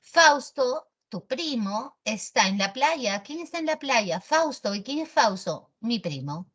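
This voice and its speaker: A woman teaching an online grammar class in a lively, teasing, slangy way. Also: a little high, takes it slowly, breathy edge.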